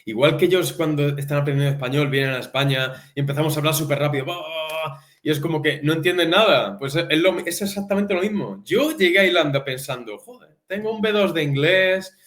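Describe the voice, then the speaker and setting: A man's voice: fairly high pitch, fairly quick. A young man from Spain, a teacher, chatting casually and informally as a guest, peppering his talk with slang. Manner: informal, says tío a lot, lively and laughing. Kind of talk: casual chat. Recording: echoey room.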